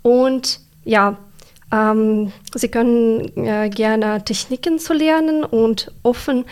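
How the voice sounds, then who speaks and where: A young exchange student from Ukraine, speaking. Her voice sits somewhat high, and she talks slowly, searching for words with frequent pauses. She restarts phrases as she answers each question. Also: a little mellow, clear, resonant tone. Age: young adult. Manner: hesitant, many fillers and restarts. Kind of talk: interview answers.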